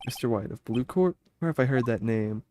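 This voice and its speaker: A man's voice: medium pitch, expressive, a little fast, background noise, close to an everyday voice. A man reading the part of an earnest, self-doubting defense lawyer in a video game, often thinking aloud. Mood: pondering, suspicious.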